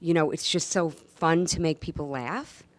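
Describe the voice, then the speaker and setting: A New York actress and stand-up comedian chats casually as an interview guest, speaking in an emphatic, enthusiastic way. Her voice is low-pitched, her pace moderate, and there's no echo.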